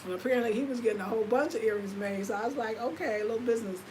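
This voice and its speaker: A fairly high-pitched but darkish female voice comes rapid-fire on a livestream, with slight background noise. She's a lifestyle vlogger in her fifties with an American accent, chatting casually and confidingly to viewers and using many fillers.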